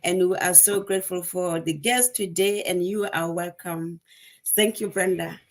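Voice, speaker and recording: A woman, co-hosting a livestream in a polite, measured way. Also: on the low side. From Botswana. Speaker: co-host.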